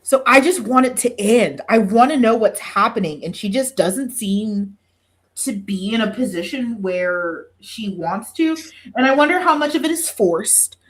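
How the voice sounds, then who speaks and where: A woman's voice: fairly high pitch, lively intonation, measured pace. A woman hosting a podcast in casual chat, swearing freely and poking fun at herself with dramatic exaggeration. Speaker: podcast host.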